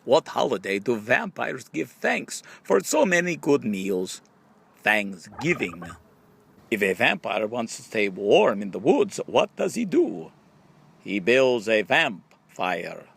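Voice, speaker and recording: Reading from a scripted book of riddles, a male audiobook narrator sets up every question and stretches out each punchline in a question-and-answer delivery. His mid-range voice is sing-song, gravelly, husky and a bit bright.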